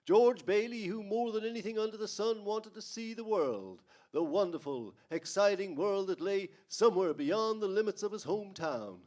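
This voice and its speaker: A male announcer narrates in old-time radio fashion. His voice is high for a man and very animated, delivering scripted introductions and storytelling. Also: moderate pace, few pauses.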